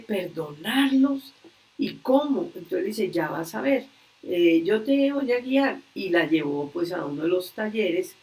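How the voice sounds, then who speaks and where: A woman leading a religious workshop, earnestly retelling a story slowly and with frequent hesitations over a video call. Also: mid-range voice. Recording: distant video-call audio.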